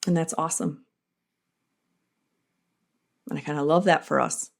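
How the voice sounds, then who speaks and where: Earnest, low-voiced woman podcast host. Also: a little slow, vocal fry. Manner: earnest, animated, many restarts and asides. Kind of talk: personal reflective monologue.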